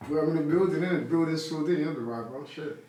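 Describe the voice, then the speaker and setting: A man's voice: a little high, rapid-fire. A man, a podcast guest chatting loosely with a lot of slang. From Congo. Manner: relaxed, rambling street slang. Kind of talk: casual interview chat. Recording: echoey room, mic at a distance.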